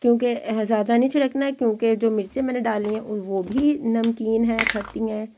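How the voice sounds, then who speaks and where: A woman with a fairly high, even voice talks briskly over a noisy background. She hosts a home cooking channel, chatting encouragingly while she cooks in her kitchen for a casual demonstration.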